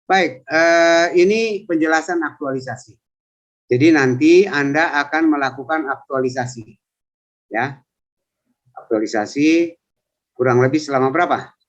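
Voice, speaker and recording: A man in his fifties with a slightly high voice takes his time, pausing often as he rambles through a self-introduction. He works as a civil service trainer, and the online coaching session comes through as lo-fi video call audio.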